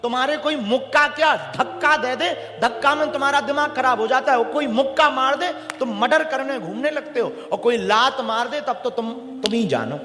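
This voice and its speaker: High, bright-voiced preacher in an echoey hall. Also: male voice, normal speed, hardly any pauses. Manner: animated, dramatizes dialogue, calls on the audience to repeat. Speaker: religious preacher. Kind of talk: devotional sermon with storytelling. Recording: echoey hall with faint music.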